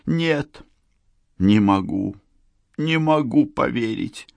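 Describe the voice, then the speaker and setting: Guy putting on a high shrill society lady, dramatic and scolding, swoopy voice. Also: expressive, slow, vocal fry, no echo. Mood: indignant. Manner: raised, shrill accusing tone. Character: indignant society woman, theatrical, scolding.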